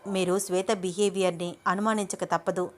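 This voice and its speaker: Calm young woman giving advice, woman storyteller voicing her, soft. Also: mid-range voice, normal speed, natural voice.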